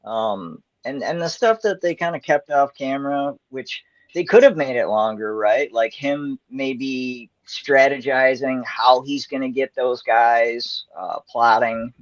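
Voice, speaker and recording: A man's voice: medium pitch, measured pace, hardly any pauses, no room sound. Easygoing man on dull call audio. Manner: easygoing, hesitant fillers. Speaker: panelist. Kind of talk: casual live-stream chat.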